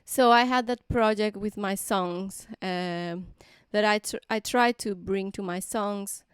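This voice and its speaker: A woman with a Spanish accent, from southern Spain, chatting casually to viewers on a live stream, with halting restarts and many fillers. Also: mid-range voice, steady tone, clear, resonant tone, no echo, studio quality. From Granada, southern Spain. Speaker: singer-songwriter hosting a live stream.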